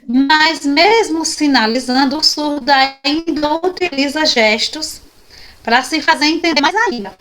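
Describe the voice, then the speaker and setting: A Brazilian woman with a high voice gives a sign language lesson, explaining step by step and often asking her students if they follow. She sounds a little tired, but her teaching stays patient and clear. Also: unhurried, fairly bright tone. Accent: Brazilian Portuguese. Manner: explanatory, frequent checking questions to students. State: tired after a long day. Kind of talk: online class lecture.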